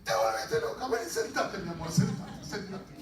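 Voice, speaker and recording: A man's voice: sits high, very animated, moderate pace, music in the background. A man playing a mocking sister who scolds her sibling, in an echoey church hall recorded from far off. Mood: scolding. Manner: teasing, scolding.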